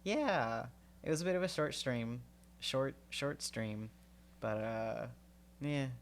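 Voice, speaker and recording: A stuffy-nosed man reads a novel aloud to his stream, then rambles casually between chapters. His mid-range voice has a gravelly edge. He fills the gaps with ums and likes. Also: mid-range voice, animated, slow pace. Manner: rambling, filler-heavy chat. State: stuffy, sniffly nose.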